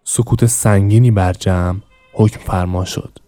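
A man narrating a novel as a podcast host, reading in an even, measured way. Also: low voice, no echo.

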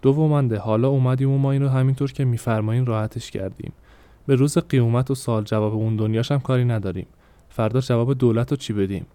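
A man's voice: medium pitch, fairly even intonation, dark tone, smooth, no echo, natural voice. A man voicing a cynical male policeman in a spoken story, answering with sarcasm. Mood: mocking. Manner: sarcastic, raised voice.

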